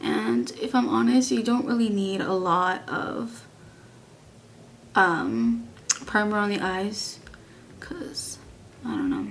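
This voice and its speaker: A woman's voice: medium pitch, lively intonation, takes it slowly, vocal fry, long pauses, a little hiss or hum. A young woman from Texas, chatting casually through a makeup review and rambling with lots of likes and restarts. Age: young adult. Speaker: beauty vlogger.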